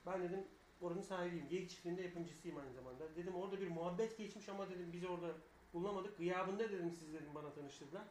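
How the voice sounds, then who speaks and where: A man's voice: high-pitched, fast talker, echoey room, slight background noise. A man co-hosting a live radio show, telling long rambling stories and swearing freely. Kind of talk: casual live radio banter.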